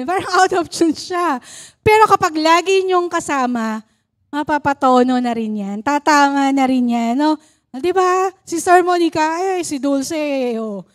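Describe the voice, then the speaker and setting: Filipino woman, middle-aged, high voice, chatty sermon that keeps asking for amens. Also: measured pace. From Philippines. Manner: chatty, laughing, asks "Amen?" often. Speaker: preacher. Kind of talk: Taglish sermon.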